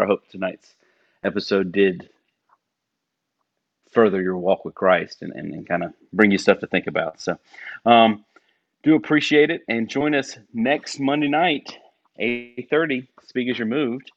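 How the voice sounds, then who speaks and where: A man's voice: fairly low pitch, muffled recording. Folksy Southern man hosting a podcast. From South Carolina. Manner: folksy, rambling, laughs at own jokes. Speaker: podcast host.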